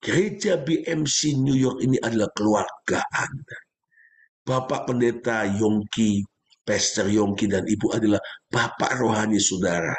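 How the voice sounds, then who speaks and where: A male pastor preaching a sermon, speaking straight to his congregation with emphatic, leaping exclamations. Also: a little slow. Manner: emphatic preaching with sudden pitch leaps; addresses congregation directly.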